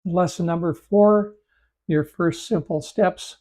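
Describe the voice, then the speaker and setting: Man, 50s, froggy allergy voice, mellow dark timbre, conversational tutorial narration, fillers and restarts. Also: sits high, slow pace. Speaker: host and AI instructor. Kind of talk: screen-share tutorial narration.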